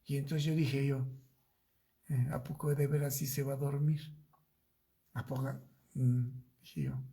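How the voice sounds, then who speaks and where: Speaking at a medium pitch with a dark tone, a middle-aged pastor with a Mexican accent tells a personal story in a Bible study sermon. He acts out the dialogue as he goes, in a slow, drawn-out way.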